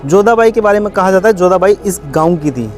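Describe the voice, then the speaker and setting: A man's voice: high-pitched, lively intonation, fast talker, faint music behind. A man working as a tour guide, explaining things to visitors outdoors in a chatty, lecturing way. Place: outdoors at a historic palace.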